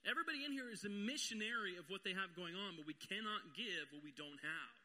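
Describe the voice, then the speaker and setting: Male pastor, sermon, emphatic and repetitive, fairly high voice, very bright tone, reverberant church hall. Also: fast. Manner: emphatic, repeats phrases, addresses congregation as guys. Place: church sanctuary.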